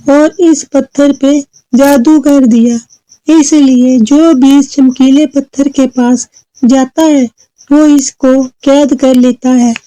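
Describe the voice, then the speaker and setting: Woman doing a kind fairy for a kids' tale, mellow, dry. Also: high voice, dry recording, pitched above the performer's own voice, rough recording. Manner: soothing, explanatory. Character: kind female fairy, wise storyteller.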